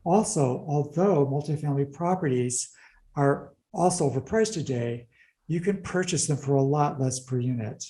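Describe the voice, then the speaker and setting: A man explaining real estate figures in an interview, talking fast through the numbers with wry asides. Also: a little high, mellow, reverberant, low-quality recording. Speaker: commercial real estate advisor.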